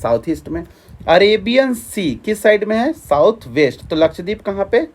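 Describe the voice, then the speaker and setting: A man's voice: sits high, big pitch swings, normal speed. Man teaching, quizzing himself. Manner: repetitive, quizzing, asks and answers himself; mixes English terms into explanations. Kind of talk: classroom lecture.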